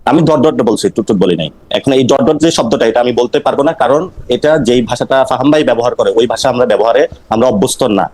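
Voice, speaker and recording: A male political guest from Noakhali, Bangladesh, speaking at a very fast clip at a mid-range pitch. He explains himself insistently and restates points over and over. He answers an interviewer's challenges defensively. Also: a little mellow, rough recording. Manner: rapid, insistent, repeats himself when explaining.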